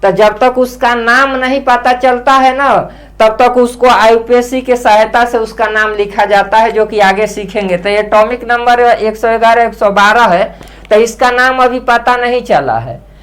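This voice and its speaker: A woman teaching chemistry in a casual, patient classroom manner, going over each point again and again. She speaks slowly, with a voice sitting a little high, and chants memory tricks in a steady rhythm. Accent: Hindi-speaking Indian.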